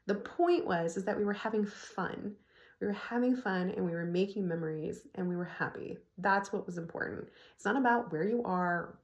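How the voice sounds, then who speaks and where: A middle-aged woman vlogger casually tells a personal story to her phone camera, which is propped on an ironing board, laughing often as she goes. Her voice is lowish, and the room sounds echoey.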